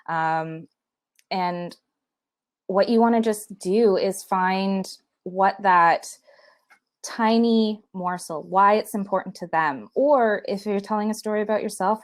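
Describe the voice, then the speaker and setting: A woman giving a talk on storytelling, explaining step by step with frequent fillers. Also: fairly low pitch. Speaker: podcast speaker on storytelling. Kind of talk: talk presentation.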